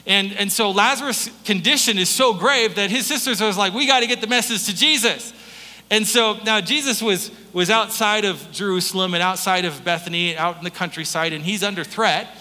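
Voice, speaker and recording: A man's voice: high voice, a little fast, hardly any pauses, bright, forceful tone. A man preaching a conversational sermon, informal and folksy, speaking directly to his listeners. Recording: reverberant hall.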